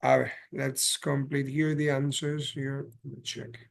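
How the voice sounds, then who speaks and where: A man's voice: mid-range voice, completely flat delivery, slow pace, creaky. A male English teacher explaining grammar patiently to a class, switching between Spanish and English.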